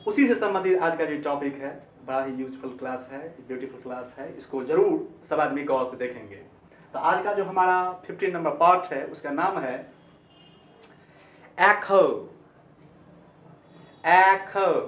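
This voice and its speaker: A man's voice: on the high side, a bit bright. A man teaching an online English grammar lesson, explaining in Hindi, repeating phrases and checking with "ठीक है?". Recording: echoey, distant, dull-sounding recording.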